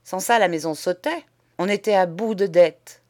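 A woman's voice: lowish voice, moderate pace, a little mellow, lightly acted. A woman voicing a cynical, spoiled young Parisian man with a drawling Paris accent, mocking and gleeful, in an audiobook. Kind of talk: audiobook character voice.

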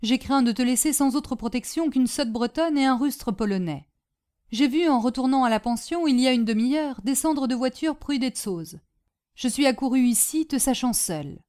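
A woman's voice: high-pitched, lively intonation, normal speed, pitched above the performer's own voice. A scornful, bossy old aunt, put on by a woman reading. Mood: stern. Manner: sharp, mocking, commanding. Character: domineering stubborn older aunt, scornful and scolding.

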